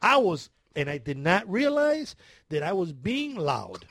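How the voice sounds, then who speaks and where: A high-voiced man with a wildly swinging pitch, telling a story in a loose chat full of laughter and swearing. He jumps into the voices of the people he describes. The sound is dry and close. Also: measured pace, no room sound. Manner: animated, laughing, profane, acts out his own screams.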